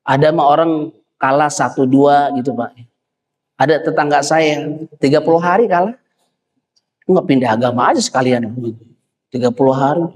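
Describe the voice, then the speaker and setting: Brief: male preacher, animated sermon delivery, slightly high voice, long hall echo. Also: normal speed, long pauses. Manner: animated, leaps high when quoting and acting out figures.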